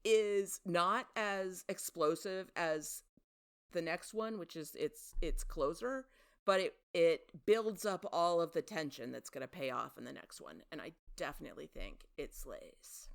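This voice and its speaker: A woman's voice: fairly low pitch, unhurried, creaky. A woman hosting a podcast, chatting casually and sharing trivia with a self-deprecating manner. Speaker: podcast host.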